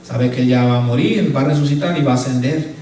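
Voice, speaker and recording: A man's voice: medium pitch, fast, warm tone, slight background noise. A male pastor preaching a sermon with emphasis, often calling out to the congregation as brothers. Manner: emphatic, often calls out "hermano". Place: church. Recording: echoey church hall, mic at a distance.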